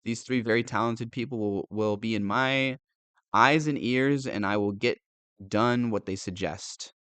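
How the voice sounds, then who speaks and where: A man's voice: medium pitch, unhurried, a bit bright, clean tone, no room sound. A male commentator reading news aloud and reacting with sarcastic disbelief, laughing often and stumbling over words.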